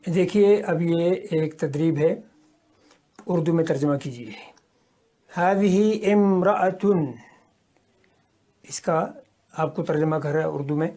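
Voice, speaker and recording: A man from Kashmir teaches a recorded Arabic lesson. He reads each example sentence slowly and deliberately, then speeds up to explain the exercise and how to check the answers. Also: fairly high pitch, darkish tone. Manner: explains at a quicker pace between examples.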